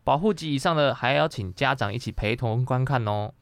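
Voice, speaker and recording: A man's voice: mid-range voice, brisk, dry recording. A young adult man with a Taiwanese Mandarin accent, co-hosting a podcast in casual chat. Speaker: podcast co-host. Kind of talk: casual chat about anime and pop culture.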